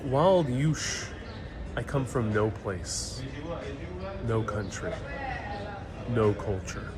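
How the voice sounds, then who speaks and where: Over music, a man with a fairly low, expressive voice draws out his words while hosting a casual travel Q&A live from New York City. He reads comments from his audience and answers in a joking, easygoing manner, and his phone mic captures the chatter of the surrounding crowd.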